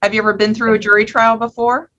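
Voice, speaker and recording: A woman's voice: on the high side, flat delivery, quick pace, a bit bright, lo-fi sound. A woman questioning a defendant as a judge, patient and plain-spoken.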